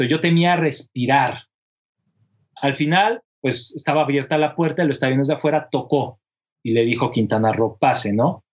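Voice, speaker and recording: A man's voice: mid-range voice, dull audio. A man telling a history story in casual conversation, acting out the dialogue, with frequent tag questions and fillers.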